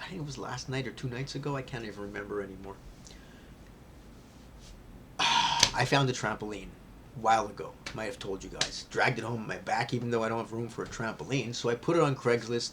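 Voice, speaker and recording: A man talking in a rambling confessional vlog, often restarting his sentences and swinging between quiet muttering and loud excitement. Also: on the low side, brisk, background noise. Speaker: vlogger.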